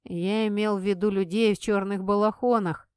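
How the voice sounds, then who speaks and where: A woman reading an audiobook and voicing a wry, teasing grown man, a police officer, with a lowered, quieter and drawn-out delivery. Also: steady tone, smooth, dry recording, clean studio sound, natural voice. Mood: dry, teasing.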